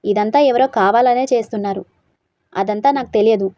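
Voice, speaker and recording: Young husband figure, hot-tempered, defensive, sharp, dry, read by a woman. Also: mid-range voice, a little fast, no echo, natural voice.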